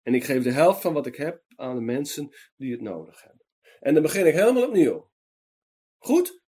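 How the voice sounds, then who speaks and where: A man's voice: fairly high pitch, moderate pace, breathy edge, voice pushed up. Man doing a stammering little tax collector. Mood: relieved. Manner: stammering, excited. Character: small sly tax collector, flustered and overjoyed.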